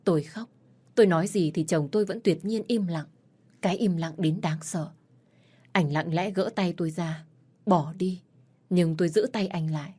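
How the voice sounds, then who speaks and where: A woman's voice: fairly low pitch, normal speed, long pauses, dark tone, slightly rough. A woman narrating a sad first-person story with an emotional delivery. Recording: faint background music.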